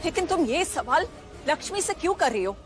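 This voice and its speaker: A woman's voice: high voice, big pitch swings, brisk. An Indian actress playing a blunt, challenging woman who questions others in a TV soap confrontation, with music behind. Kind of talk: melodramatic TV soap acting.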